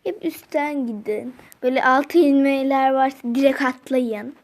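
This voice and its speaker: High-voiced woman doing game commentary. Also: moderate pace, slight background noise. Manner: frustrated, muttering to herself to calm down. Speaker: gameplay video creator. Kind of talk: casual gameplay commentary.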